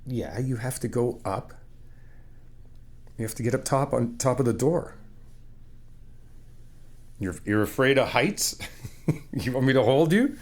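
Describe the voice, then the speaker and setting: A young man plays a supportive friend in an ASMR roleplay about painting a new apartment. His medium-pitched voice is animated and measured, with frequent pauses, and he's easygoing and reassuring, often teasing and laughing.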